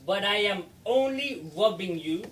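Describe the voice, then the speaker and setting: A man's voice: high voice, lively intonation, unhurried, fairly bright tone. A man playing a bumbling gullible brother. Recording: distant stage recording with noise.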